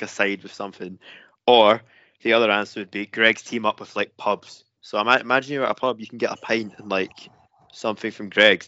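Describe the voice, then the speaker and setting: Bright flat-toned podcast man. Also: on the low side, no echo. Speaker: podcast panelist. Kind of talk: casual chat. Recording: dry, dull lo-fi podcast audio.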